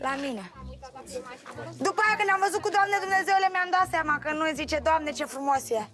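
A woman's voice: very high voice, a crowd in the background. A woman on a reality show, cheeky and boastful in her talk.

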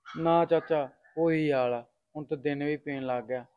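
Man as a quietly worried son, resigned tone, lo-fi muffled sound. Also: a little high, steady tone, moderate pace, slight background noise, close to an everyday voice. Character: worried grown son of the household. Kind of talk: village short-film acting.

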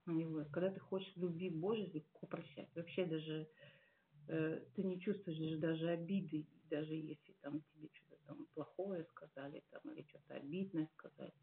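A woman in her late forties giving a heartfelt church testimony, earnest and musing, with many pauses and fillers. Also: sits low, steady tone. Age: 40s. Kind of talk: personal testimony at a service. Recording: tinny phone-like sound.

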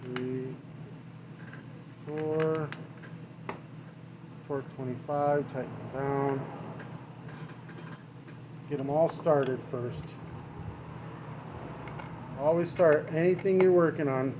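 A small engine mechanic talks casually while doing a hands-on repair in his workshop, speaking in a fairly high voice with fairly even intonation, drawn-out words and frequent pauses. A camera mic records him from off-frame, so the audio is dull. The workshop is noisy, with an engine running and shop sounds behind him.

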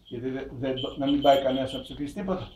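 A man's voice: medium pitch, darkish tone, distant mic, a little hiss or hum. A middle-aged man preaching a sermon, full of rhetorical questions in a conversational tone. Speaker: bishop preaching. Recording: roomy hall, voice from afar.

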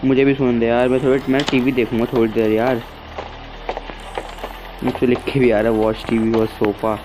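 A male gaming YouTuber talks his way through a horror game, chatty and casual. His voice sits at a middle pitch. Loud game music plays under him. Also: level tone, moderate pace, poor audio. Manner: chatty, keeps addressing viewers as guys. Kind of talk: casual let's-play commentary.

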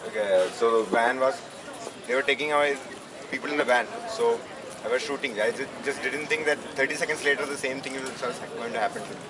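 Speaking off the cuff, a young Indian-accented man in his twenties addresses an audience as a student, faltering and circling back over phrases as he reaches for the right words. The night setting is outdoors under a canopy; his mid-range voice runs through a handheld microphone and a noisy PA, picked up from afar by a camera.

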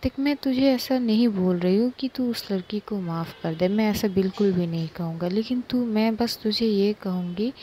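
A woman's voice: mid-range voice, a little mellow, slight background noise, natural voice. Woman voicing a soothing young friend. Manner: soothing, coaxing.

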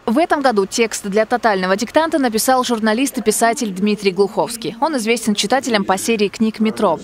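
A woman narrates a news report from a script. Her voice is on the high side, in a reporter's delivery. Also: a little fast.

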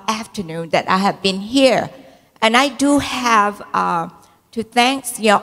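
Earnest older woman pleading from the audience. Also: on the high side. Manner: earnest and pleading, with hesitant fillers. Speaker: audience member. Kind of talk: impassioned public comment. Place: large dark conference hall, among the audience. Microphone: handheld mic. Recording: hall reverb.

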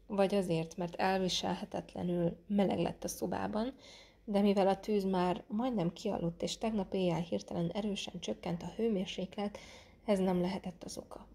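A woman narrating a classic detective novel as an audiobook, reading in a calm, measured way and lightly voicing the characters. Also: medium pitch, vocal fry.

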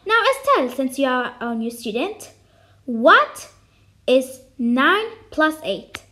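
A young woman voicing Mister Niel, a firm but kindly male teacher in a homemade cartoon, who speaks slowly while instructing. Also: sits high, very animated, pushed and bright, pitched below the performer's own voice, exaggerated voice.

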